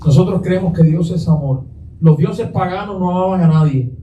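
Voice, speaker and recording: A man's voice: sits high, moderate pace, dark tone, echoey room, far from the mic, lo-fi sound, a little hiss or hum. A man pastor giving a Sunday sermon, putting questions to the congregation and answering them himself. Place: church sanctuary.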